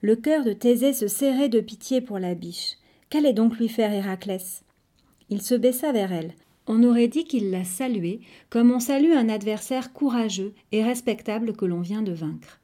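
A woman narrating a children's storybook in an expressive, measured way. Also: fairly high pitch.

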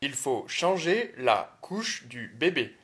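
A woman putting on a half robot voice, a flat mechanical voice from smart glasses giving orders. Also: a bass voice, slow, pitched below the performer's own voice, full character voice.

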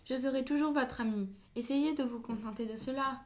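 A woman voicing a gentle, earnest young heroine in a fairy-tale reading, speaking up and pleading. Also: high voice, fairly quick, natural voice.

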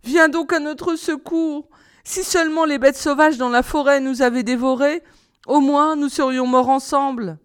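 A woman voicing a frightened, gentle little girl in a storybook reading, high and pleading. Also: steady tone, normal speed, no echo, studio quality, natural voice. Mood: lamenting.

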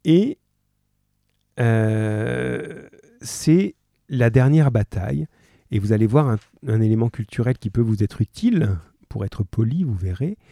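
A man teaches a class over the radio. His voice is very dark and mellow, and the sound is dry and close. He reads aloud in a lively, chatty way and keeps stopping to explain. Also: medium pitch, measured pace, vocal fry, dry recording.

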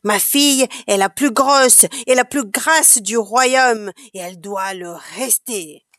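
A woman's voice: fairly high pitch, takes it slowly, fairly bright tone, dry recording. A woman voicing a furious, proud witch queen who shrieks and scolds.

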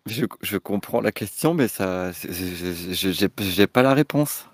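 Deadpan man with a low voice. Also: measured pace, dry recording, studio quality. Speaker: comedy guest. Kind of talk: comedy sketch.

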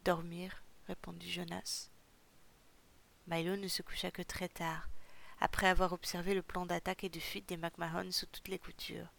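Woman reading a story podcast, low flat voice, steady pace. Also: moderate pace, vocal fry. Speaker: narrator. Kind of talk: audiobook narration.

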